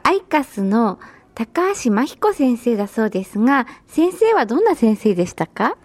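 A woman's voice: fairly high pitch, big pitch swings, moderate pace, darkish tone, no room sound. A woman hosting a radio interview show, formal, courteous and encouraging as she asks her guest questions. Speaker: radio host.

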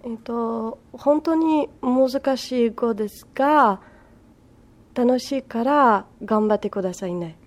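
A woman's voice: a little high, slow. Woman answering in simple learner phrasing. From France. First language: French. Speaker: guest, language learner. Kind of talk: interview answers.

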